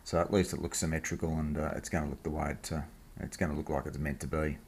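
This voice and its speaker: A man's voice: very deep voice, flat delivery, fast talker, a little mellow, husky. An Australian man hosting a casual hands-on video in his workshop, explaining the job in a laid-back, blokey, informal way. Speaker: host of a machining project video series. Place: home workshop.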